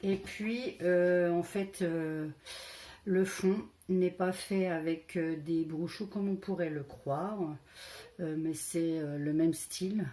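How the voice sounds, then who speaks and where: Slow, low-voiced hesitant woman. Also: fairly even intonation, mellow. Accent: French regional accent. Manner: hesitant, many fillers, loses track. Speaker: crafting vlogger. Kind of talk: casual craft show-and-tell.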